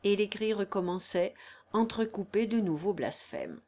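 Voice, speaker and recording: A woman narrating a classic novel aloud in a measured, expressive storytelling manner. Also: mid-range voice.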